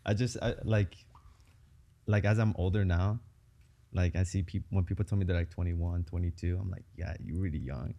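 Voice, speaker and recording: A man in his twenties hosting a casual interview podcast, relaxed and full of filler words. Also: deep voice, normal speed, vocal fry, lo-fi sound. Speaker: podcast host.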